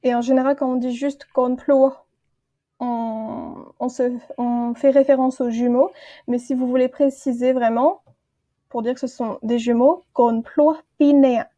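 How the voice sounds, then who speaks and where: A woman's voice: sits high, level tone, measured pace, mellow, lo-fi sound. A woman teaching a vocabulary lesson, patiently saying each word twice before explaining it. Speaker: language teacher. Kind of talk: slow vocabulary lesson with repeated words.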